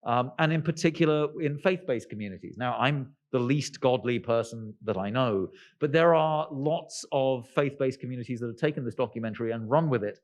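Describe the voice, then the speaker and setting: A male author answering interview questions in a posh-sounding voice, halting with lots of fillers and restarts, with wry, sardonic asides. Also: medium pitch. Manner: self-described posh-sounding voice.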